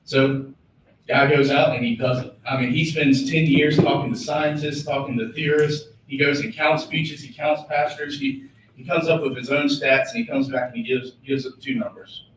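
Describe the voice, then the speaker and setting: Young guy telling a long joke at a meeting, big pauses and repeats, super echoey hall, mic far away. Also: medium pitch, steady tone. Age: young adult. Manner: storytelling with dramatic pauses, acted quotes, repetitions. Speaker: student senator telling a joke. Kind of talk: long shaggy-dog joke told to a meeting. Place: large echoey meeting room. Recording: echoey hall from far off, faint room noise.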